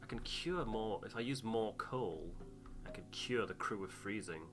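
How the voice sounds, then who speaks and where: A man with a lowish voice talks at normal speed while hosting a game playthrough, thinking aloud casually and reading on-screen text. Guitar-driven game music plays behind him.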